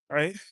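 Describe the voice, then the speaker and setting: A man's voice: bright, forceful tone, dry recording, studio quality. A man from France, chatting casually and bluntly, swearing now and then. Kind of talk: casual chat.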